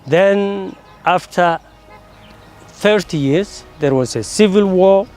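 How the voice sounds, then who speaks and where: A man from Somaliland explaining his homeland's history in a measured way, pausing with many fillers. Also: medium pitch, darkish tone. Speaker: local interviewee.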